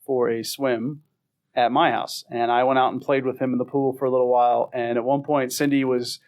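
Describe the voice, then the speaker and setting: A middle-aged man talking casually as a podcast co-host. His pitch sits in the middle, and he jokes about himself with a wry, self-mocking edge. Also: little pitch movement, brisk, darkish tone. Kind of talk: casual chat.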